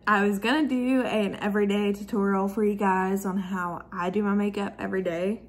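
A woman in her twenties chatting through a casual makeup tutorial, giggly and drunk, with an animated, sassy, slangy way of rambling. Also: mid-range voice, a little fast. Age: 20s. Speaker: makeup vlogger. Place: living room at home, high ceiling.

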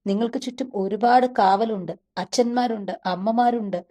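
Reading from a storybook, a woman voices a protective young man, a caring older-brother type, who talks to his sister in a worried yet reassuring way. Her mid-range voice is mellow and near everyday speech, at a moderate pace.

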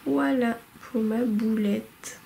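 Sitting at home in a window-lit room, this knitting vlogger walks through her latest yarn haul in a relaxed show-and-tell video. Her warm voice is on the high side, slow and fairly even, with some vocal fry, and her talk is chatty and hesitant, packed with fillers and restarts. There's a bit of hiss or hum on the low-quality recording.

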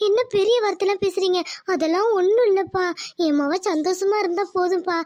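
A woman's voice: very high voice, dry recording. A woman voicing an anxious village mother. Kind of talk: cartoon voice acting.

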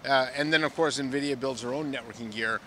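A middle-aged man, an industry analyst, explaining in a measured way with occasional "uh"s, interviewed outdoors on a handheld mic. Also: mid-range voice, fairly bright tone, slight background noise. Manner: measured, explanatory, some filler "uh"s. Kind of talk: on-site analysis chat. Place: outdoor plaza at a conference.

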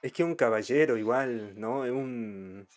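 A man's voice: mid-range voice, unhurried. A man, casually reacting to anime as an amused fan, in short bursts into a desk microphone. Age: 20s. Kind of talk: casual live reaction commentary. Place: small home streaming room. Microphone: desk microphone close in front.

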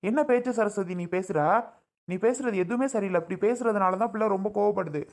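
A man playing a quick-tempered father who scolds his wife for upsetting their daughter in a drama skit. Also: sits high, a little mellow. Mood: angry. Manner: gruff, scolding.

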